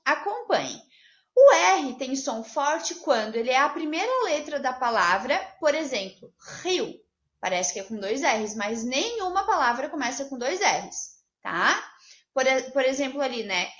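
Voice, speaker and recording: A Brazilian woman teaching a Portuguese lesson to children, upbeat and patient, checking in with the class after each point and drawing out example words slowly. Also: sits high, fairly bright tone. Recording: roomy, slightly dull home video audio.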